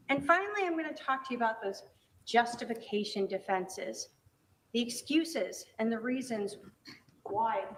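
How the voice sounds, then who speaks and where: Woman, prosecutor, slightly high pitch, emphatic courtroom closing argument, deliberate rhetorical phrasing, faint background noise. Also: fairly bright tone. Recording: noisy courtroom recording.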